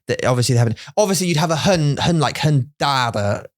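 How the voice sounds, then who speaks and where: Animated rambling man podcaster. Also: medium pitch, a little fast. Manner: rambling, animated, acts out scenes in voices. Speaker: podcast co-host. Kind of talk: casual chat.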